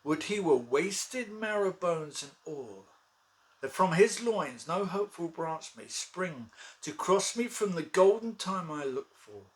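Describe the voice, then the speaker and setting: A man's voice: high-pitched, animated, a little slow, poor audio. A man playing a bitter, ambitious, deformed duke in a theatrical, declamatory Shakespearean soliloquy. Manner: theatrical, declamatory, archaic phrasing.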